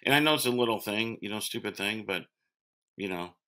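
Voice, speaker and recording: A man in his forties with a very low, bright and forceful voice, a chef telling an interviewer about opening restaurants. He rambles, circles back and restarts his sentences, with plenty of fillers along the way. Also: animated, fairly quick. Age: 40s. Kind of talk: casual interview.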